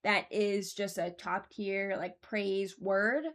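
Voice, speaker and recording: A woman hosting a ranking of game voice lines gives casual commentary, thinking aloud hesitantly, deliberating and often correcting herself. Her medium-pitched voice is fairly bright, slow and flat in delivery.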